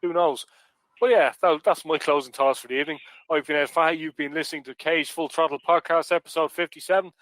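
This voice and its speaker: A man's voice: fairly high pitch, fairly even intonation, quick pace, hardly any pauses, a bit bright, no room sound, rough recording. An Irish man hosting a casual podcast panel, jokey and chatty, plugging merch with frequent restarts. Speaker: podcast host.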